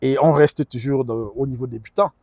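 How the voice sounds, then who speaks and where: A middle-aged guest advisor talks earnestly in a conversational interview, frequently repeating words as he looks for what comes next. He has a medium-pitched, dark voice with a steady tone and a fairly quick pace. The studio sound is clean, with no room sound.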